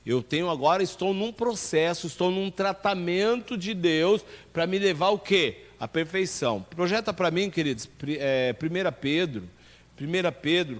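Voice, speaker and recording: High-voiced Brazilian pastor teaching a class. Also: male voice. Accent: Brazilian Portuguese. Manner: conversational, asks the class questions and answers them. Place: church hall. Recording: long hall reverb.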